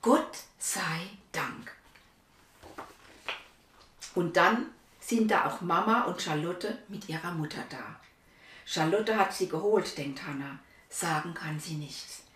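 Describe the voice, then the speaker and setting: A woman's voice: lowish voice, a little slow, fairly bright tone, echoey room, distant mic. A woman reading a children's story aloud, adding asides to children and her dog.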